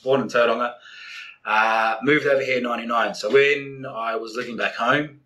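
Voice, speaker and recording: A man's voice: medium pitch, steady tone, moderate pace, pushed and bright, low-quality recording. A man in his forties with a New Zealand accent, a podcast guest telling his story in blunt, candid, profanity-laced casual talk. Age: 40s.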